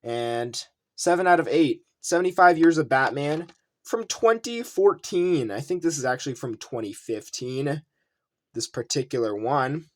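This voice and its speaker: This host wanders through relaxed unboxing chatter as he displays collectibles, musing out loud. He sounds animated and unhurried in a mid-range register, with clicking handling noises in a noisy room.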